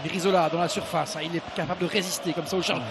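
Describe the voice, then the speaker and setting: A man doing excited live football commentary. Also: on the high side, very fast. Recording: stadium crowd and noise.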